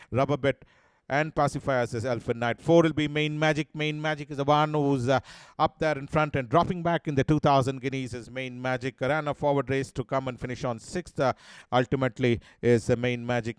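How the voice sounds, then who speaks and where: A man with an Indian English accent presenting a horse racing preview, working through each runner's form in a steady, listing way with many "uh" fillers. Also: medium pitch, clean tone, no room sound. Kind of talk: race preview commentary over replays.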